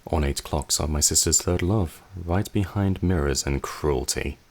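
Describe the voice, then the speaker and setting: A man hosting a let's play, reading the game's narration aloud in a measured way with dry asides. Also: a bass voice.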